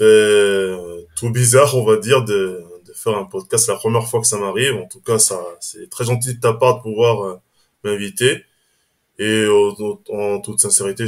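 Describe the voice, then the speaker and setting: Hesitant man, podcast guest. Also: on the low side. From Strasbourg, France. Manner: hesitant, restarts phrases, says "on va dire" often. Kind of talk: casual interview chat.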